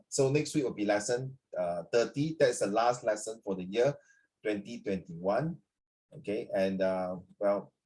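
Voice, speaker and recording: A man with a Singaporean English accent, still recovering from flu, teaches a social studies class over a video call. He moves between English and Mandarin and checks in with students by name. His voice is fairly low and dark, slightly rough, on a rough recording.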